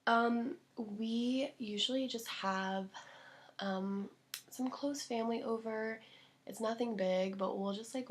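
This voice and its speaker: A young woman chatting to her camera at home in a gushing, rambling way, full of filler words and bursts of laughter. She sounds a little out of breath and talks in a relaxed, personal way. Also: mid-range voice. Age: young adult. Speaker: vlogger. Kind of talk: casual chat to camera. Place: at home, indoors.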